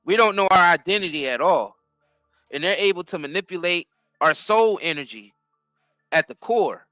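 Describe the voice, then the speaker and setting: A high, bright-voiced man with who talks earnestly and a little preachily while co-hosting a casual talk show. His tone is smooth and clear. The sound is dry and close, with faint music underneath. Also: expressive, moderate pace, no echo. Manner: earnest, preachy, frequent affirmations like "facts". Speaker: podcast co-host.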